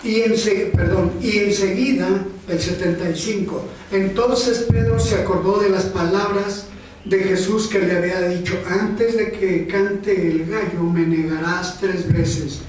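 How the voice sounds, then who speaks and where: A man preaches in a high, unhurried voice, often pausing to check in with his listeners. He sounds set back from the mic, his words ringing through a very echoey church. A faint hum sits under the whole recording. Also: steady tone, darkish tone, distant mic. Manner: slow, conversational preaching with frequent "¿sí?" and "este". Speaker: pastor. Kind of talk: sermon.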